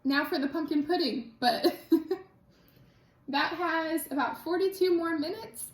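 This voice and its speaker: A young woman hosts a homey cooking video, chatty and quick to giggle, with plenty of "like" in her speech. Her voice sits high and bright, and it rings around a hard-surfaced kitchen. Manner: chatty, laughs easily, says "like" often. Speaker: cooking channel host. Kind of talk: casual cooking vlog chat. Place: home kitchen. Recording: echoey kitchen.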